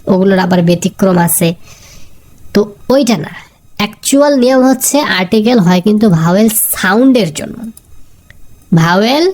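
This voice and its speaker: A woman's voice: medium pitch, darkish tone. A woman teaching a grammar lesson, who repeats the key sounds and keeps asking her students questions.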